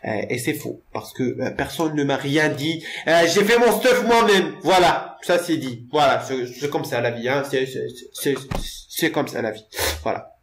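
A man's voice: a little high, animated, moderate pace, a little hiss or hum. A young man casually commentating his own video game play, joking, rambling to his viewers and stammering over repeated words.

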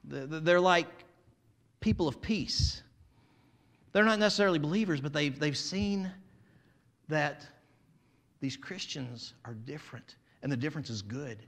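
Animated, gravelly preaching man. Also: a little high, unhurried, long pauses. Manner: dramatic, acts out crowd voices, swings from loud to quiet. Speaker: pastor. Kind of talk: animated sermon.

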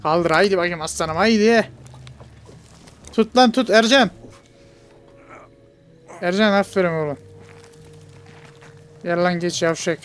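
High-voiced excitable male gamer. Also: takes it slowly, pauses often, soft background music. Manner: jokey, excitable, banters with game characters. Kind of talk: let's play commentary.

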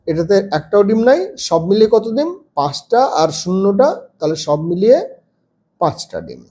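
A man's voice: very high voice, darkish tone. A man teaching young children from a textbook, patiently spelling words out letter by letter. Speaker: primary school teacher.

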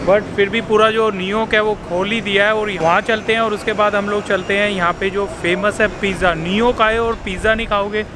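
An Indian man in his thirties talks chattily to a camera held at arm's length, his voice sitting fairly high. Clear traffic and street noise run behind him out in the city. He mixes English phrases into an easy travel-vlog ramble. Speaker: travel vlogger. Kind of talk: casual vlog narration to camera. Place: busy city street and subway station outdoors. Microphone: handheld camera at arm's length.

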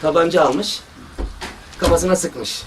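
Here a man, a surgeon, speaks at a measured pace in a slightly high voice. He gives a religious talk full of stories from his work, quoting people vividly. It's recorded on a distant mic with faint background noise.

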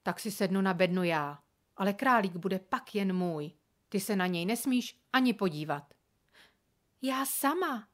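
A woman's voice: mid-range voice, animated, natural voice. A woman voicing a stubborn small girl who insists on having her way.

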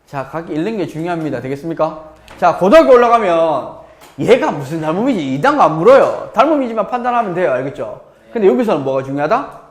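Male math teacher, live class, bright lively delivery, roomy echo. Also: on the high side, fast. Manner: lively, constantly checking with students. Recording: echoey classroom.

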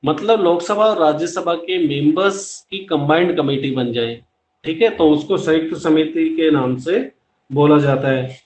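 A man's voice: on the high side, measured pace, a little mellow. A middle-aged man teaching an online class, explaining step by step, mixing English terms into Hindi and speaking straight to his students, recorded on a laptop webcam at home. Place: small room at home with plain wall, indoors. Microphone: laptop webcam at close range. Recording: echoey room with faint background hiss.

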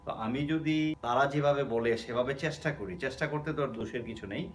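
In a spoken English lesson, a man with a Bangladeshi accent explains patiently, repeating words and asking "okay?" to check on his students. He talks fast in a medium-pitched voice, with a little hiss or hum audible.

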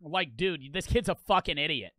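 Young man host, high bright voice, crude jokey reaction commentary, dry sound. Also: lively intonation, moderate pace, no room sound. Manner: crude, joking, laughs often.

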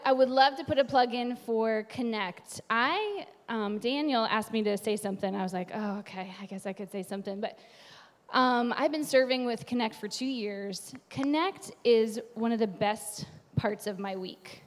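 A woman's voice: a little high, a little slow. A woman from New York with a Long Island accent, chatting on stage about volunteering with the church youth group. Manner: bubbly, chatty, laughs easily. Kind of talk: live church announcements. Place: church sanctuary. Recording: long reverb of a large church hall.

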